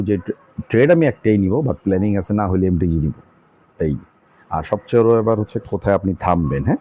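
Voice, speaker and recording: A man's voice: sits low, warm tone, slight background noise. A man giving a casual trading lesson over his screen, chatty and repetitive, with many fillers. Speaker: trading tutor.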